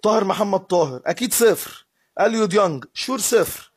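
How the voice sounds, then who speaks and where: A man's voice: high voice, brisk, breathy edge. A man with an Egyptian Arabic accent hosts a football fan channel, rating players in a heated, sarcastic casual rant.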